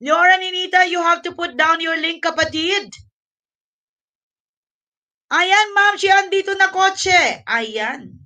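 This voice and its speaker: A woman's voice: extremely high pitch, slow pace, pauses often, bright, forceful tone, distant mic. A woman hosting a casual livestream, out of breath, chatty and thanking viewers, mixing English into her talk. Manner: mixes English into Tagalog. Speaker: livestream host.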